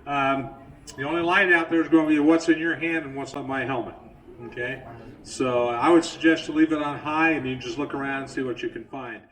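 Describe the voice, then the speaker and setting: A man guiding visitors through an underground mine, his voice played over the tour train's loudspeakers, explaining plainly and patiently with a few filler words. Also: steady tone, brisk. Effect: voice played over a train car's loudspeakers. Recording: distant, noisy speaker sound with vehicle rumble.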